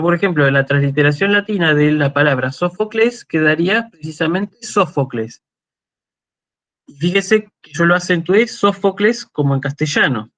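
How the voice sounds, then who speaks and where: A university lecturer with an Argentine Spanish accent, his voice sitting a little higher than most men's. He works through his points patiently, thinking aloud, with small restarts along the way. He keeps tossing a quick "¿sí?" to the class. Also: pushed and bright. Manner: explanatory, often checks in with a questioning "¿sí?".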